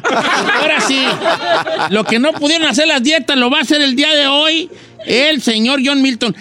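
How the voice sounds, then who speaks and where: A man's voice: extremely high pitch, bright, forceful tone. A man voicing a chatty, nervous old Mexican ranchero with a Mexican accent, hosting live radio comedy talk. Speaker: radio host.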